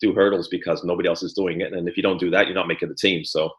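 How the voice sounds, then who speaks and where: In an echoey room, a former Olympic hurdler and trainer, a middle-aged man from Guyana who grew up in England, talks comfortably in a podcast interview about his athletic career, frequently repeating words at the start of sentences. He has a deep voice with a flat, rapid-fire delivery and a fairly bright tone, though the highs are cut off.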